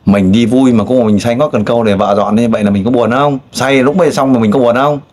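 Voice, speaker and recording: A man interviewing a guest in a casual way, pressing with pointed, teasing questions and loud exclamations. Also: mid-range voice, quick pace. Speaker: street interviewer.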